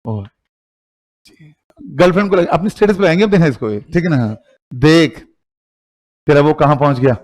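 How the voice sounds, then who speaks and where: A man's voice: on the high side, lively intonation, moderate pace, long pauses, darkish tone. A man with an Indian accent teaching accounting in a live classroom, teasing and quizzing students with call-and-response questions.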